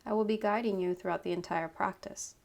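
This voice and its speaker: A yoga nidra teacher leads a guided meditation in a mid-range voice touched with vocal fry. She speaks calmly and slowly, in brief phrases separated by pauses.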